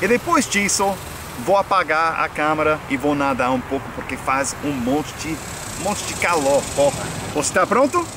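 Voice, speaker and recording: A young adult American man, a native English speaker who vlogs and teaches English, chats casually to the camera in a sunny park. His voice sits on the high side at a moderate pace, relaxed and full of fillers. The camera mic, held at arm's length, picks up outdoor traffic noise.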